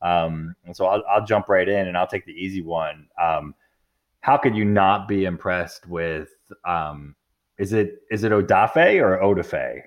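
Podcast host: man, low voice, laid-back, chuckles, casual sports chat. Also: unhurried, lo-fi sound.

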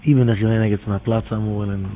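A man's voice: fairly low pitch, little pitch movement, brisk, a crowd in the background. A man telling rambling religious stories and teachings in an informal way, repeating his phrases in a near chant. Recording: tinny phone-like audio with faint noise.

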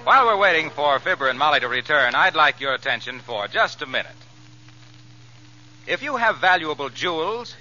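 A man's voice: a little high, sharp tone. An American man speaking as an old radio serial announcer, reading a sponsor message with polished, emphatic salesmanship. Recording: dull vintage 1940s radio recording.

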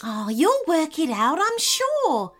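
A woman's voice: high-pitched, huge pitch swings, slow, soft background music, pitched above the performer's own voice, heavily acted. A woman voicing a cheerful, encouraging koala in a children's storybook. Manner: bright and encouraging.

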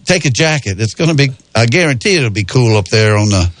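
A man's voice: mid-range voice, animated, a little fast. A man hosting a casual sports talk radio show in an easygoing, conversational way.

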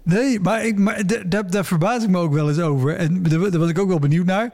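Male interviewer, higher pitch, probing and curious, relaxed conversation. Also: a little fast. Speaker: podcast host. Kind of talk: casual interview chat.

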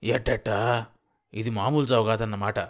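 A man voicing a nosy, suspicious old village man in his sixties or older, speaking in a drawling, rural way, lower and slower than his narration. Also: fairly even intonation, natural voice. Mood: prying. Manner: drawling rural speech, grieving and prying.

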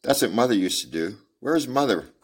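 A man's voice: lively intonation, moderate pace, husky. A man voicing a small girl lost in the desert, trusting and cheerful, in a raised childlike voice. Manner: high, childlike put-on voice. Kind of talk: amateur audiobook reading.

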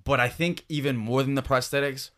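A man's voice: mid-range voice, fairly even intonation, brisk, a bit bright. A man co-hosting a podcast in casual chat, rambling with lots of fillers as he retells a story. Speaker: podcast co-host.

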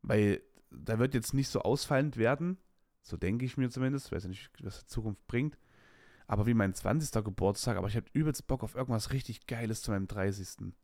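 This podcast host, a man in his late twenties, has a fairly low, darkish voice and talks a little fast, with clean studio sound and no echo. He candidly rambles through a casual personal monologue, full of slang and restarts.

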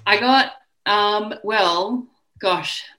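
A woman's voice: mid-range voice, very slow, bright, forceful tone, rough recording. A woman in her early forties, a guest author frankly telling a personal story and acting out the voices of people she quotes. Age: early 40s.

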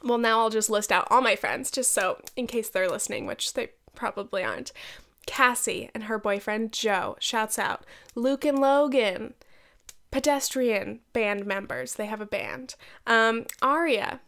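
An American woman in her twenties hosts a solo podcast, chatting casually in a slangy, sweary, self-mocking way. She's getting over a head cold, so her voice sounds nasal and congested, though fairly high, unhurried, and fairly bright.

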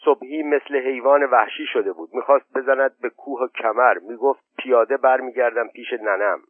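A man's voice: mid-range voice, no room sound, lightly acted. A man voicing a humble, deferential male servant who chatters apologetically. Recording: tinny narrow-band, dry.

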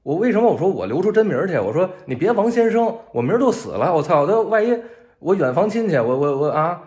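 A man's voice: fairly high pitch, fast. Wry joking man with a Beijing accent. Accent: Beijing Mandarin. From Beijing, China. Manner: wry, joking, deadpan gallows humor. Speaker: civilian in a war zone posting a video. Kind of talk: casual monologue to viewers.

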